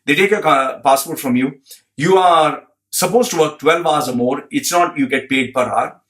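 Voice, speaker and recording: A man's voice: fairly high pitch, normal speed, fairly bright tone. A man giving a blunt, profane commentary, repeating phrases for emphasis and reading out an article.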